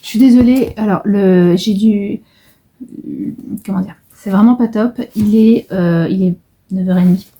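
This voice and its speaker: A woman's voice: mid-range voice, unhurried, warm tone, breathy edge. A middle-aged woman chatting casually in a vlog about her embroidery, hesitant and rambling with many fillers and restarts. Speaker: embroidery vlogger.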